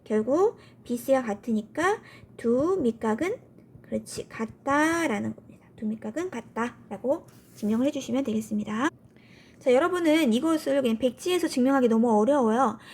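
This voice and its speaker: A woman's voice: high voice, a little mellow. A woman teaching a math lesson in a colloquial, upbeat way, asking questions and answering them herself. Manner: colloquial, upbeat, often starts with "so". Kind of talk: classroom math lecture.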